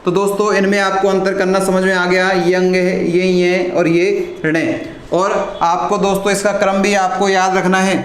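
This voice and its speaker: A man teaching a live online lesson, asking the class questions and answering them himself, often clearing his throat. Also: high voice, level tone, moderate pace. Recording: echoey room with faint noise.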